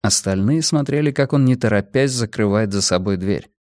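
A man narrating an audiobook with expressive storytelling. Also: lowish voice, normal speed, no echo, clean studio sound. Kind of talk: scripted narration.

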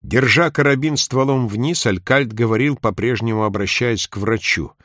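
A man narrating an audiobook in a measured, even reading on a close mic. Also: mid-range voice, dry recording. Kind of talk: scripted narration.

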